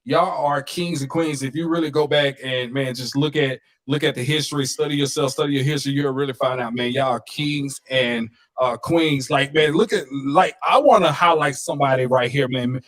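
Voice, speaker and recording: A man's voice: mid-range voice, a little fast, hardly any pauses, a bit bright. A man from Louisiana, co-hosting a podcast in an enthusiastic, casual way, dropping "man" often. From Northeast Louisiana. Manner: enthusiastic, says "man" a lot. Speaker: podcast co-host.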